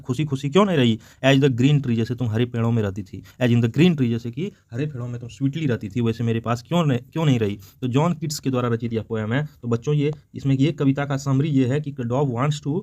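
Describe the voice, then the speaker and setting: A male teacher with an Indian accent slowly reads out poem lines, then repeats and explains them to schoolchildren, often adding "है ना". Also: medium pitch, warm tone, no echo.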